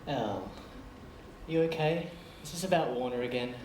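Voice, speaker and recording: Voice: mid-range voice, animated, moderate pace, darkish tone, lightly acted. An actor playing a reassuring medical student friend in a stage comedy, with an exaggerated delivery. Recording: distant echoey stage, faint noise.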